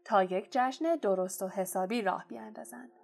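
A woman narrating a storybook aloud in a steady, expressive reading voice. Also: mid-range voice, vocal fry, faint music behind. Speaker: audiobook narrator.

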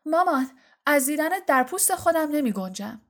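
A cheeky teenage prankster, voiced by a woman reading a storybook, laying on mock praise with a grin. He speaks loud and high, with teasing flourishes. It stays near the reader's own voice. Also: very animated.

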